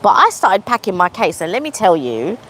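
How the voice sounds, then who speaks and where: A woman's voice: medium pitch, big pitch swings, fairly quick, a bit bright, slight background noise. A woman, chatting casually on a live stream while eating, rambling from one thing to the next. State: sore throat, coming down with a cold. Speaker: livestream vlogger. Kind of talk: casual live chat with viewers. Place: outdoor seating at a shopping outlet. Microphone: phone livestream.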